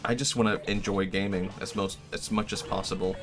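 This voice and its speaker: Streaming a game with music in the background, a young native Swedish speaker from Sweden rambles through casual chat with self-deprecating laughs. He talks a little fast in a low, steady voice.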